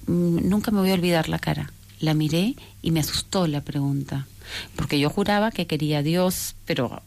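A woman's voice: low-pitched, a little mellow. A woman who is a guest on an interview show tells an earnest, searching personal story of faith, often repeating and correcting herself.

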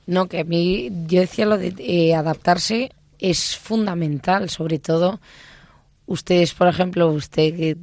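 Chatty mom type, lowish voice, excited talking on a faith radio show, dry mic. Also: female voice, no echo. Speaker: guest, mother. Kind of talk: religious radio discussion.

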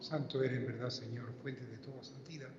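A man, a priest reciting the prayers of the Mass in a steady, solemn way, heard with a cathedral echo. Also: mid-range voice, a little fast, gravelly, very noisy. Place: large church. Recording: echoey church from far off, dull.

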